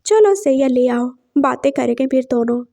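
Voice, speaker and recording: A woman voicing a kind, trusting middle-aged father who speaks gently, in a story read aloud. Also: high-pitched, animated, normal speed. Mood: cheerful. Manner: gentle, reassuring.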